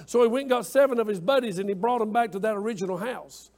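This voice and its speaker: Man, pastor, very high voice, emphatic repetitive preaching, church sermon. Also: fast, darkish tone. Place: church sanctuary.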